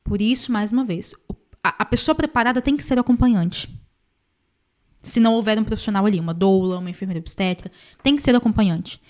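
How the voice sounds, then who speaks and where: A woman's voice: medium pitch, quick pace. A woman host commenting on birth care, speaking emphatically and addressing viewers directly. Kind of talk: explanatory commentary.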